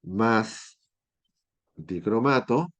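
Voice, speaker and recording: A man's voice: fairly low pitch, animated, drawn-out words, fairly bright tone. A man teaching a university chemistry class, explaining step by step and often checking that his students follow. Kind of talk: classroom lecture.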